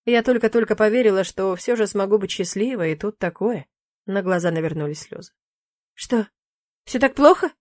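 A woman reading a first-person fantasy audiobook in an expressive, emotive way. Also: medium pitch, brisk, no room sound. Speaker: audiobook narrator.

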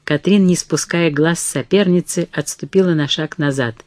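A narrator giving a steady, measured audiobook reading of a historical novel, voicing the dialogue quietly. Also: medium pitch, no echo.

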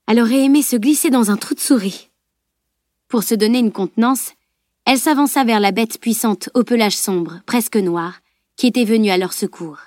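A woman narrating a novel aloud as an audiobook reader, in a measured storytelling tone. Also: fairly high pitch, a little mellow, no room sound, studio quality. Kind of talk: scripted narration.

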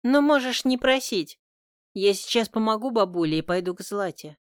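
An audiobook reader voicing a teenage girl, a cheeky little sister who teases and later scolds through tears, in a raised, higher voice. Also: lively intonation, moderate pace, clean tone, no room sound, clean studio sound, natural voice. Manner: teasing, then tearful and scolding. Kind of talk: audiobook character voice.

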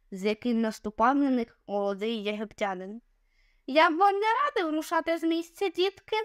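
A woman narrating an adventure audiobook in a measured, expressive way. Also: a little high, dry recording, clean studio sound.

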